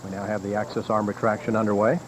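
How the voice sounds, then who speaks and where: A man giving live countdown commentary as a launch announcer, in a measured, formal way. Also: lowish voice, level tone, a crowd in the background. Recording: noisy archival broadcast audio.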